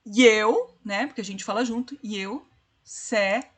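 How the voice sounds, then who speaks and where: Slow-speaking woman teacher. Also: mid-range voice, slightly rough. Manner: explains slowly, counts syllables aloud, addresses students directly. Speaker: literature teacher. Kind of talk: online class lecture.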